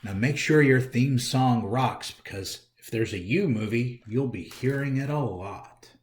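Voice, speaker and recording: This American man speaks at a medium pitch and an unhurried pace while hosting storytime. He reads a picture book with theatrical flair, addressing the young listeners directly, in a roomy indoor space full of echo.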